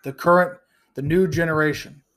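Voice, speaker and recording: A man in his thirties hosts a solo podcast in a blunt, profane rant. His voice sits slightly high for a man, and he often restarts his sentences as he pushes his points. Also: fairly even intonation, normal speed, a bit bright. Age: 30s. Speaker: podcast host. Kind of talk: ranting solo podcast commentary.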